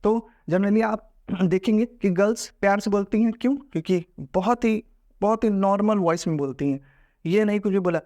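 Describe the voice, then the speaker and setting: A man's voice: sits high, moderate pace, darkish tone. Indian man teaching in mixed Hindi-English. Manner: explanatory, mixes Hindi and English, acts out example voices. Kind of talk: lesson.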